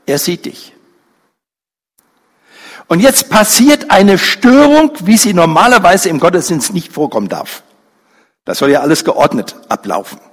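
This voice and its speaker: A man's voice: very animated, husky. A man preaching a sermon, telling a story dramatically and briefly acting out the people in it. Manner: slow, pausing delivery with wide pitch swings. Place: church hall. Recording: reverberant church hall.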